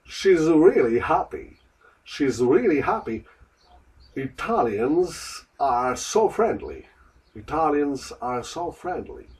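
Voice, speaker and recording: Brief: male lesson voice, slow, deliberate repetition, lively pitch, off-mic. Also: distant mic, poor audio. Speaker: lesson model voice repeating lines. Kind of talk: slow repeat-after-me drills.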